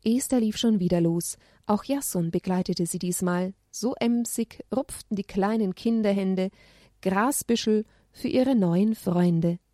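A woman giving a scripted narration of a children's Bible story in an even storytelling manner. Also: mid-range voice, unhurried, no room sound, clean studio sound.

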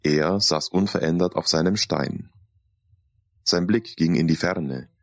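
A man calmly narrating a first-person story in a deliberate storytelling manner. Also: low-pitched, no echo.

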